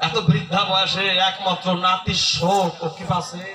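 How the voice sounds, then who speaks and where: Brief: male folk singer chatting to a crowd from the stage, very high voice, roomy echoey sound. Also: little pitch movement, normal speed, background noise. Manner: chatty, calls the audience "baba", quizzes them. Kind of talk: joking stage storytelling to a live crowd. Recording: echoey stage sound from far off, music behind.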